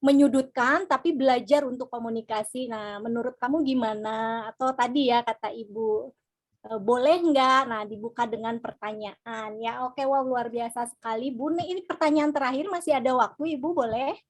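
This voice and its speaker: A woman's voice: fairly high pitch, normal speed. A woman moderating an online community session over a video call, polite and respectful toward the speaker.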